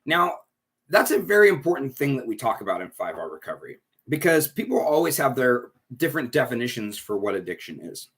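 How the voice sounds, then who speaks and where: Fairly quick and a bit bright, this man's mid-range voice swings widely in pitch, though his nose sounds stuffed up. He leads a recovery group and is rambling cheerfully through a chatty livestream from his home.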